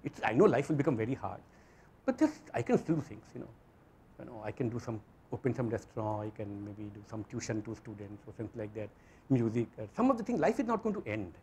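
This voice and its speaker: A man with an Indian accent giving a motivational lecture to students, emphatic, repeating phrases and asking rhetorical questions in a husky voice. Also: medium pitch, big pitch swings, fast, darkish tone, slight background noise. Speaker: physics lecturer. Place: auditorium stage.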